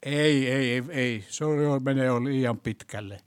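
A man preaching a sermon in a church, asking the congregation questions and rising to loud, emphatic peaks before closing in prayer. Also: mid-range voice, smooth.

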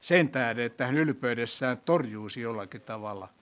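Male preacher, church sermon, quizzes the congregation, mid-pitched voice, swells to loud emphatic peaks. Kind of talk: sermon and prayer.

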